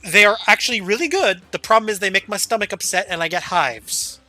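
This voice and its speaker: A man's voice: sits high, a little fast, pushed and bright, soft background music. A man streaming a game, chatting casually and rambling, with a casual swear here and there. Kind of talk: casual gaming chat.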